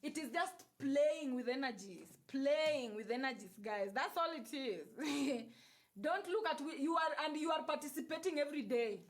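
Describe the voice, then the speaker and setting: A Kenyan woman with a Kenyan accent hosts a livestream, giving a casual spiritual talk about energy to her live viewers. She speaks emphatically in a high, expressive voice at a moderate pace, repeating key phrases and switching into Swahili and Luo phrases.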